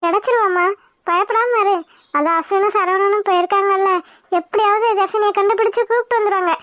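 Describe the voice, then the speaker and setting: A woman's voice: extremely high pitch, a little fast, fairly bright tone, dry recording, clean studio sound. A woman voicing a middle-aged village woman who consoles a crying relative and grows weary of repeating herself in a cartoon. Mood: consoling. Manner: consoling, exasperated. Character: soothing older sister-in-law, middle-aged woman, patient. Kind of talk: cartoon voice acting.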